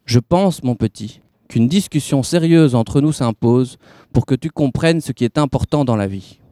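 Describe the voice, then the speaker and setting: A chilly, smooth-talking man in grey pushes and coaxes in a sweet but icy tone, as a man reading a novel aloud puts him on. The voice is dark and mellow. The sound is dry and close. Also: medium pitch, brisk, no echo, natural voice. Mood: lecturing. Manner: persuasive, pushy, icy under a sweet tone.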